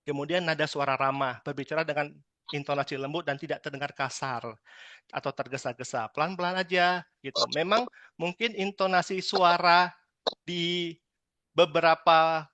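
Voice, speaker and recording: A man from Medan giving a lively training talk on customer service, acting out customers now and then. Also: on the high side, normal speed, no echo. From Medan, Indonesia. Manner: lively, chatty, acts out customer lines. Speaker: sales trainer.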